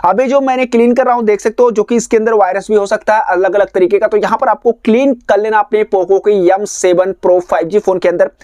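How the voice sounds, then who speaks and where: This tutorial host has a high, slightly mellow voice and talks quickly with fairly even intonation and hardly any pauses. He guides viewers through a phone step by step, repeating his instructions often. There's no echo, so the sound is dry.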